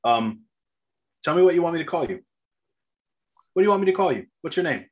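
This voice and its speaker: A man's voice: fairly high pitch, lively intonation, brisk, darkish tone. A man in a casual podcast conversation, rambling through his views with swearing and acted-out bits of imagined dialogue. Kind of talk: casual opinionated chat.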